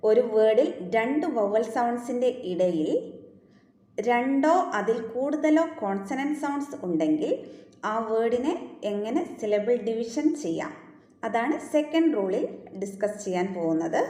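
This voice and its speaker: A woman teaching a phonetics lesson, explaining step by step and stretching out example words slowly. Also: on the high side, a little mellow, echoey room.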